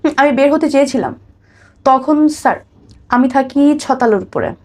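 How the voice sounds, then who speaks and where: A woman with a Bangladeshi accent appears as an interview guest telling her life story, her voice sitting high, expressive and darkish at a moderate pace. She repeats phrases as she gives her testimony and addresses the host respectfully.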